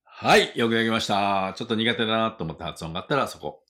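A man teaching English pronunciation, saying model words slowly and with exaggeration between brisk explanations, then asking the listener to repeat after him. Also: lowish voice, expressive, pushed and bright.

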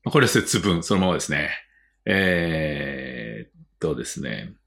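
Low-voiced Japanese man teaching vocabulary. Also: lively intonation, gravelly, a bit bright. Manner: reads each word twice, then explains slowly. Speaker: English teacher. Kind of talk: vocabulary lesson.

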